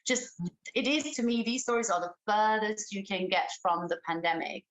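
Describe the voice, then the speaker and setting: A woman's voice: mid-range voice, normal speed, fairly bright tone, poor audio. A woman who grew up in Austria, an actress, talking thoughtfully in an interview. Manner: reflective, thoughtful, hesitant fillers. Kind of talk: casual interview chat.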